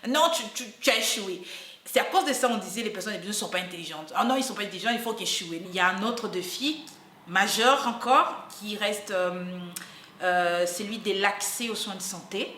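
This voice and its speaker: A young woman in her twenties from the Democratic Republic of the Congo, a university student and activist, gives an earnest personal testimony full of hesitation, fillers and restarts. Her mid-range voice moves at a normal speed with a bright, forceful tone. The room echoes, and there is a slight hiss or hum.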